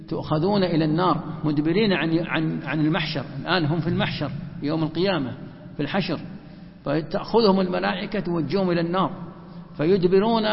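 A man teaching a religious lesson that explains Quranic verses. He repeats and stresses key phrases and slows down to recite quotations. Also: fairly high pitch, creaky. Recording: dull lo-fi recording in a reverberant hall.

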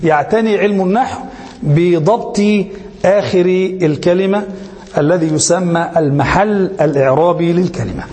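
A man teaching Arabic grammar as a sheikh, who pauses on a question and lets his listeners finish the word, repeating key terms slowly. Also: on the high side, warm tone, long reverb tail. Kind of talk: classroom lecture.

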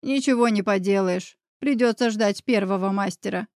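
A bashful young man, embarrassed and soft-spoken, always apologizing, as a woman reader voices him. He is read a touch lower and quieter than the narration, in a close, dry recording. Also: moderate pace, no room sound, lightly acted. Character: shy, apologetic young male neighbor. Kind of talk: audiobook character voice.

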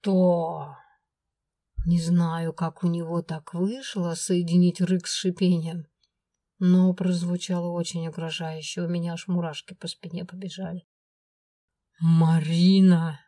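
A woman narrating a first-person fantasy audiobook with expressive storytelling. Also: lowish voice, normal speed, no echo, clean studio sound.

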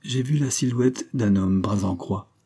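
A man's voice: on the low side, a little slow, warm tone, breathy edge. A man voicing a weary, troubled male doctor testifying in court, speaking in a dull, reluctant way in an audiobook reading.

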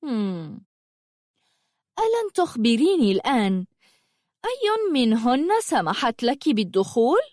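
A woman voicing a vain, mocking witch in a storybook reading, with a scornful, teasing manner and a higher voice than her narration. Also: very animated, a little slow, pauses often, darkish tone, no echo, clean studio sound. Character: mocking, vain female witch, cruel and playful.

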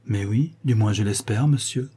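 A man's voice: on the low side, moderate pace, dark tone, slightly rough. A man voicing an earnest, sincere young orphan woman in a read-aloud novel, raising his voice for her.

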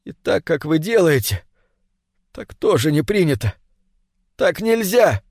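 A man reading an audiobook, voicing a wounded man who shouts through his tears and defends himself. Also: on the high side, very animated, measured pace, vocal fry, no echo, clean studio sound, exaggerated voice. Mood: tearful defiance. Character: wounded desperate man, crying and defiant.

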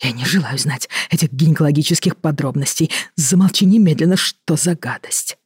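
A man voicing an irritable, tired older lover who speaks in a hushed, annoyed whisper, in an audiobook reading. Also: on the high side, brisk, breathy edge, no room sound, clean studio sound. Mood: disgusted.

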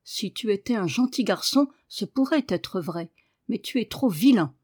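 A woman reading aloud and voicing a stubborn, sharp-tongued young girl who shouts loud, cutting retorts. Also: mid-range voice, lively intonation, normal speed, slightly rough. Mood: angry defiant.

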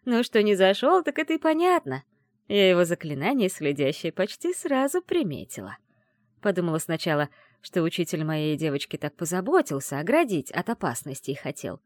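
A gruff old village witch with grey hair, scolding and teasing her young ward in a plain, homely way, as a woman reads her in a storybook. The voice swings lively up and down and sits close and dry. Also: lowish voice, normal speed, no echo. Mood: chiding.

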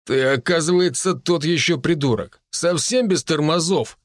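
A man's voice: on the high side, moderate pace, no echo, clean studio sound, voice pushed up, lightly acted. A man voicing a drunk young male footballer who teases and bosses his teammate. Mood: mocking.

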